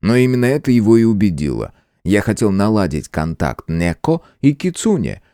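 Brief: male first-person narrator, expressive storybook reading, dry close sound. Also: fairly low pitch, moderate pace, no echo. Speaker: audiobook narrator.

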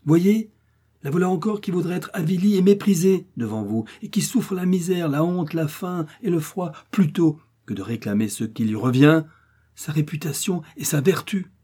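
A man reading aloud and voicing an indignant older peasant woman who speaks out loudly and emphatically in raised tones. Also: expressive, moderate pace, breathy edge. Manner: raised pitch, emphatic declaiming.

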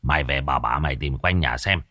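A man voicing a gruff, worried older village landowner who speaks in curt, commanding questions. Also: extremely low pitch, fast talker, sharp tone, no echo, studio quality, voice pushed down, full character voice.

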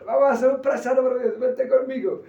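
A man's voice: extremely high pitch, brisk, echoey room, recorded from a distance, muffled recording, a little hiss or hum, voice pushed up. A man playing a cheerful, coaxing old guru. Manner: lively, coaxing. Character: cheerful playful spiritual teacher coaxing a sad student.

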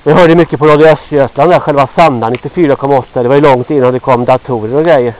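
A man in his sixties from Sweden rambling gruffly to himself on a walk through a forest, sweaty and a little out of breath. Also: mid-range voice, darkish tone. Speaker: vlogger. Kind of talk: rambling walk-and-talk monologue. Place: outdoors in a forest. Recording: dull lo-fi outdoor recording.

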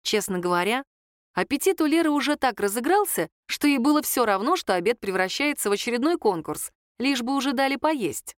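A woman narrating a novel in an even, lightly wry storytelling manner. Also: fairly high pitch, a little fast, no echo, studio quality. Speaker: audiobook narrator. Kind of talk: scripted narration.

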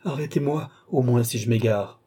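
An anguished young nobleman pleads and cries out in a husky, mellow voice, as a male audiobook reader puts him on. His lines rise in pitch and volume when he begs, in the manner of a storybook reading. The pleading stays raw and insistent. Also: moderate pace, lightly acted. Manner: pleading, impassioned outbursts.

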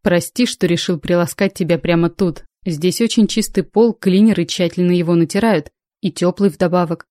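A woman's voice: fairly low pitch, normal speed, few pauses, dark tone, no echo, studio quality, natural voice. A woman voicing a stubborn, lovestruck male space pirate in an audiobook, speaking in a coaxing, self-assured way.

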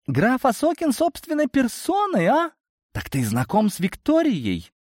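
Brief: bubbly, gushing young busybody, put on by a male reader, lively and dry. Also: a little slow, no echo, heavily acted. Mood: eager. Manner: gushing, high-pitched, bubbly. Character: pushy excitable young woman, nosy matchmaker. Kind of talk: audiobook reading.

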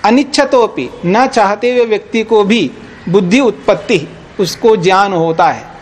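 High-voiced, slow-paced male teacher. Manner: recites Sanskrit slowly, then explains in Hindi; checks understanding with the class. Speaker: teacher of Nyaya philosophy. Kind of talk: classroom lecture explaining Sanskrit sutras. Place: teaching hall of an ashram.

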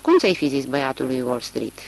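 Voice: mid-range voice, very animated, gravelly, pitched below the performer's own voice, poor audio. An audiobook reader voicing a shrewd, talkative country man with a wry, questioning manner.

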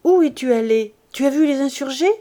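A woman voicing a cowardly middle-aged husband who shouts and blames everyone in a panic. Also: high-pitched, fairly quick, pitched above the performer's own voice, close to an everyday voice. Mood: alarmed. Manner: shouting, blaming, frantic.

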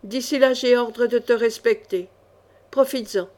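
Woman doing an angry jealous baron, growls his lines, voice sits a bit high. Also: moderate pace, a little mellow, natural voice. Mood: seething. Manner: growling, seething. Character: jealous hot-tempered male baron, a henchman.

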